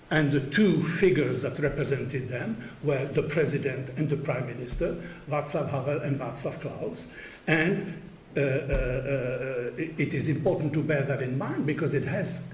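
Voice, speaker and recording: A man's voice: on the high side, darkish tone. An older man giving an academic conference talk in a university room, hesitant with many fillers and wry chuckles. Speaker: conference speaker. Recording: echoey room, faint background hum.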